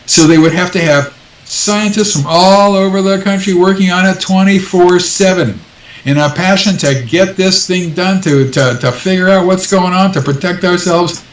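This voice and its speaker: A man's voice: high-pitched, normal speed, reverberant, recorded from a distance. An older man being interviewed as a guest researcher on a live talk show, talking in an emphatic, insistent way and repeating his points.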